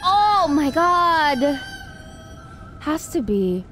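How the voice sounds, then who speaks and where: Speaking very slowly in a high voice with big swings in pitch, this woman from the Philippines streams a video game. She reacts in a chatty, giggly let's-play style while game music plays.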